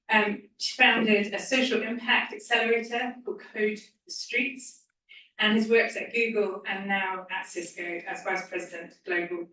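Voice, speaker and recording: A woman's voice: medium pitch, bright, forceful tone. A woman introducing a guest and hosting an onstage interview at a university event, with frequent ums. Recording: echoey hall from far off.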